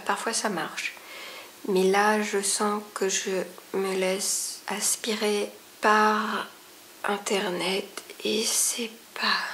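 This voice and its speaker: A woman's voice: a bit bright, slight background noise. Tired, whispery woman vlogging at home. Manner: talks to her cat in a high baby voice; tired, hesitant musing, often whispered. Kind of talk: casual diary vlog.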